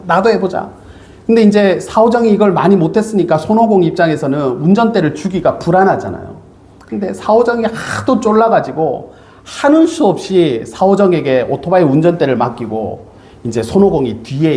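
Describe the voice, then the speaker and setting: A man's voice: on the high side, warm tone. A middle-aged male pastor preaching a sermon, earnest and repeatedly calling out to his congregation. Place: church sanctuary. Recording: echoey church sanctuary.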